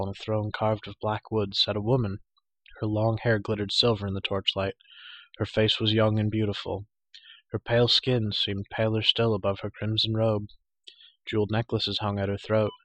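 A man narrating a fantasy audiobook in a steady, dramatic storytelling manner with occasional slips. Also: on the low side, no echo. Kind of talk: audiobook reading.

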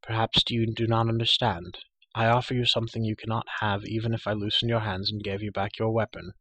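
A man voicing a proud, cruel sorceress queen in an audiobook reading, silky and coaxing, turning shrill when enraged. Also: level tone, fairly quick, a bit bright, slightly rough, no room sound. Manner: silky, then shrill and raging.

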